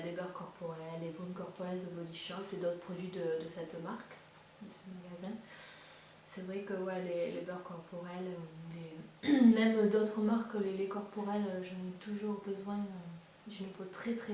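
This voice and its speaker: A woman's voice: medium pitch, dark tone. A woman chatting casually as a beauty vlogger, hesitant, with many fillers and restarts. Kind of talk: casual chat. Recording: echoey room, far from the mic, faint hiss.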